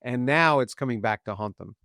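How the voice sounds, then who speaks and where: A man's voice: mid-range voice, a little fast, a bit bright, no room sound, studio quality. A man hosting a podcast interview, talking conversationally and jumping in with his own points. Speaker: podcast host.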